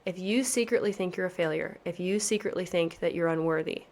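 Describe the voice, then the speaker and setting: Woman, 30s, pageant coach hosting a podcast; chatty, emphatic motivational delivery, fairly low voice. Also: fairly quick, darkish tone. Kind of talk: casual podcast chat.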